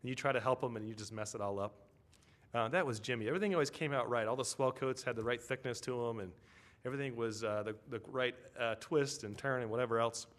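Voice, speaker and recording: A man's voice: mid-range voice, fairly even intonation, fast talker. A man preaching a conversational sermon, telling a story and asking his congregation tag questions.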